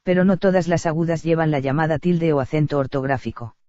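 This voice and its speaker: A man reading a grammar lesson aloud in a steady, even lecture delivery. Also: a little high, fast talker, no room sound. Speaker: teacher. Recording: dull lo-fi dry recording.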